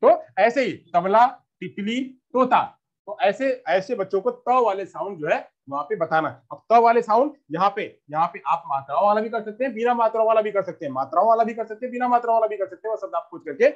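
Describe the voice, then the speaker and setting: A man's voice: high-pitched, expressive, quick pace, hardly any pauses, dull audio. A man teaching a teacher-training lesson, explaining step by step with examples and often repeating himself.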